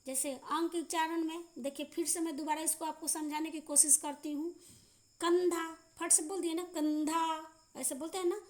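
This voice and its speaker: A woman teaching a children's grammar lesson, reading word pairs aloud slowly and drawing out the vowels. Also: sits high, fairly even intonation. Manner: slow, drawn-out pronunciation drills with repeated word lists. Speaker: primary school teacher. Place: school class video.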